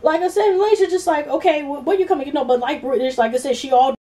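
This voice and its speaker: A woman's voice: high-pitched, quick pace. A woman vlogger rambling casually through a gossipy TV recap, acting out what people said. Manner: rambling, animated, gossipy retelling. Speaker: YouTube TV reviewer.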